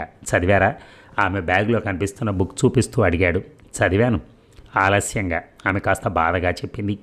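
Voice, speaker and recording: Male narrator, low-pitched, steady novel reading, slight lifts for dialogue. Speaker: audiobook narrator. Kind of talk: novel read aloud, all parts voiced.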